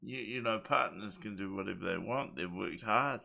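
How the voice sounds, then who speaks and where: A man's voice: on the low side, normal speed, vocal fry, bright, forceful tone. A man co-hosting a livestream, chatting casually in an earnest, emphatic way. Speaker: livestream co-host.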